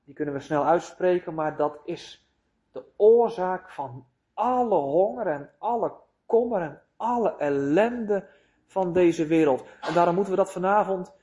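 A man preaching a sermon in a deliberate, emphatic way, with rhetorical questions to his listeners. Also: high voice, mellow.

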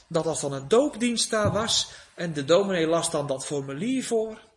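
Preacher guy, pretty high voice, goes quiet then loud and pleading. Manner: rises to loud emphatic pleading, drops to soft near-whisper. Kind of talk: sermon.

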